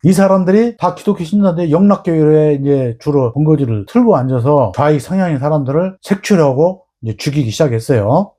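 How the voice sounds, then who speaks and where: A man's voice: on the high side, brisk, few pauses, dark tone. A man giving solo political history commentary, emphatic and full of rhetorical questions, sometimes acting out quoted exchanges. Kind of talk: solo lecture-style commentary.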